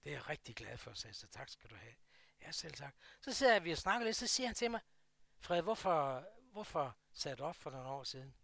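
An older man with a Jutlandic Danish accent telling a personal story from his working life, swinging between loud bursts and hushed asides. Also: a little high, big pitch swings, vocal fry, dry recording. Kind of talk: personal anecdote.

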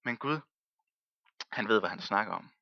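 A man preaching a sermon and telling the story in a lively way, acting out the people he quotes and laughing often. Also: on the low side, creaky, no room sound, lo-fi sound.

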